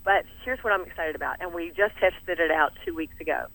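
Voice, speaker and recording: A woman's voice: on the low side, brisk, vocal fry, a bit bright, no room sound, low-quality recording. A middle-aged woman with a Southern US accent, talking energetically as a fitness studio owner in an interview, laughing often. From American South. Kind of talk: enthusiastic interview talk.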